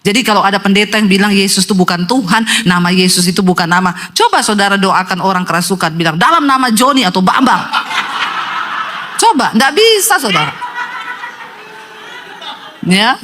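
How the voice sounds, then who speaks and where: Animated storytelling woman pastor. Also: mid-range voice, brisk. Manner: lively storytelling, addresses congregation often. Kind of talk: sermon.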